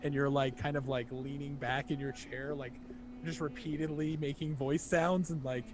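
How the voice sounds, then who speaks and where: A man's voice: mid-range voice, flat delivery, normal speed, noisy background. A young man running a tabletop game as game master, laid-back and joking, with lots of fillers.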